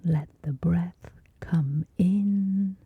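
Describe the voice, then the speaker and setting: A woman guides a scripted sleep meditation in a soft, whispery, lowish voice with a breathy edge, soothing and leaving long pauses between short phrases. There is no echo, and the sound is phone quality.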